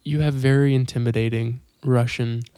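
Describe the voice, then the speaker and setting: Man pitching comedy sketches. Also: steady tone, normal speed, dark tone, smooth, dry recording. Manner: laughing storyteller, pitching sketch ideas. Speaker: podcast co-host. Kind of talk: casual comedy podcast chat.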